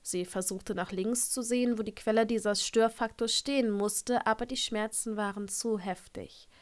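A woman narrating a fan-fiction audiobook in a calm, even storytelling voice. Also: medium pitch, moderate pace. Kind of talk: reading fan fiction aloud.

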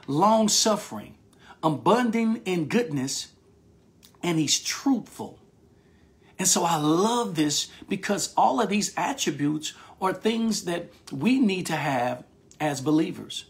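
A male pastor with a scratchy, hoarse voice, giving an earnest prayer and sermon with repeated thanks and frequent restarts. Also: a little high. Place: remote online service, outside the church building.

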